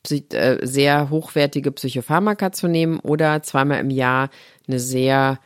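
On a podcast, a middle-aged woman from Germany talks at length and earnestly about the health platform she runs. She speaks a little slowly in a rumbling low voice, and the studio recording is clean with no echo.

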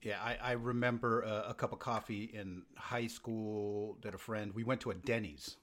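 A man in his fifties with a fairly low voice talks casually, laughing easily. He often stumbles and restarts his sentences. He sounds easygoing and unhurried. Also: fairly even intonation, fairly bright tone. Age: 50s. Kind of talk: casual chat.

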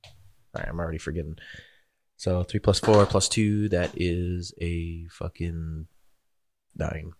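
A man playing a tabletop game, excitable and swearing as he adds up his dice rolls. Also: sits low, slow pace, long pauses, slight background noise. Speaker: player. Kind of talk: casual tabletop game play.

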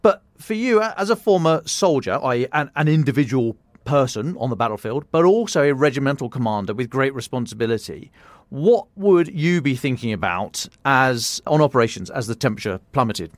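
Halting British male podcast host, dry sound. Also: mid-range voice, big pitch swings, no echo. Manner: halting, repeats words. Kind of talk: conversational interview.

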